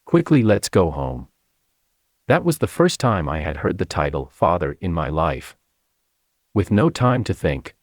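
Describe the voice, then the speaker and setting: Casting: low-voiced man, expressive memoir narrator, lively delivery. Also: no echo, clean studio sound. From China. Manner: expressive storytelling.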